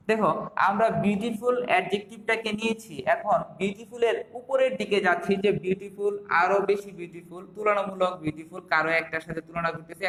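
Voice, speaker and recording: High-voiced Bangladeshi teacher in echoey room. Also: male voice, slight background noise. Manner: explains step by step with rhetorical questions. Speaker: English teacher. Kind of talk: online classroom lesson.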